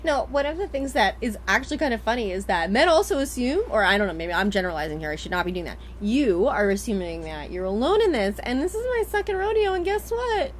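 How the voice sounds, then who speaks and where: A woman co-hosting a casual chat, rambling and lively, often laughing as she talks. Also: a little high, quick pace, hardly any pauses, a little hiss or hum. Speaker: co-host.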